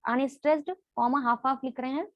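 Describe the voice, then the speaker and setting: A woman's voice: high-pitched, steady tone, brisk, dry recording, muffled recording. A woman teacher giving an exam-prep literature lesson, asking a question about each point and then answering it herself. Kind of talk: exam-prep lesson in Hindi mixed with English.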